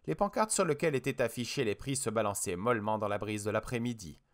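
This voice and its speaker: A man reading an audiobook with expressive, dramatic narration. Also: fairly low pitch, fast talker. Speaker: audiobook reader.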